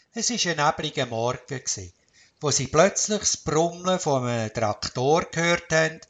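A man with a Swiss German accent narrating a children's storybook in a calm, measured way. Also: on the high side.

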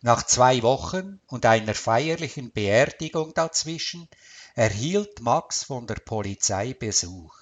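Male narrator, slow, lively read-aloud with a dramatic, expressive delivery. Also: medium pitch.

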